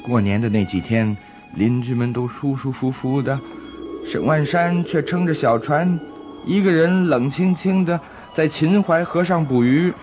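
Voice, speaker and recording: A man's voice: a little high, measured pace. A man narrating a scripted story for children, explaining things simply and expressively as if to small listeners. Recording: dull lo-fi recording with music behind.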